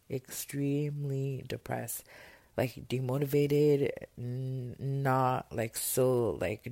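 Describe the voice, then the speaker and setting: A woman's voice: extremely low pitch, darkish tone, no room sound. Woman, twenties, rambling podcast vent, lots of fillers, phone earphone mic, dry sound. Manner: rambling, chatty, loose and candid with many fillers. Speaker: podcast host. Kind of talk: casual venting monologue. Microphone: earphone mic into a phone voice memo.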